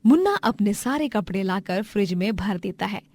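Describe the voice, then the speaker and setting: A woman narrating a cartoon storybook. She tells the story in a steady, explanatory way. Her voice is mid-pitched and even. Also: normal speed.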